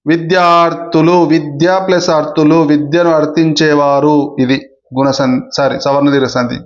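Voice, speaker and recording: A man's voice: a little high, fairly even intonation, moderate pace, highs cut off. A man teaching an exam-prep grammar lesson, repeating key points and checking in with listeners often. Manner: repetitive, asks "okay?" often.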